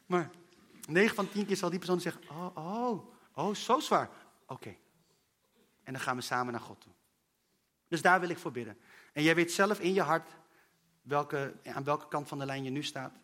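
Man, preacher, sermon, high-pitched voice, earnest, personal, direct address. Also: moderate pace, pauses often, pushed and bright.

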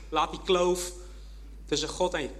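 A man preaching a sermon as a guest speaker, passionate, swinging from loud emphatic peaks to soft intimate passages, with frequent amens. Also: a little high, fairly even intonation, slow pace. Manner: punctuates with frequent "amen". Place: church service with congregation.

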